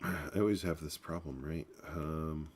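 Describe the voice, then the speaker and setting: A man in his forties hosts a programming livestream, casually talking through his code in a very low, stuffy, congested voice. He rambles unhurriedly with fairly even intonation, circling back with fillers and restarts. Keys clatter now and then over slight background noise.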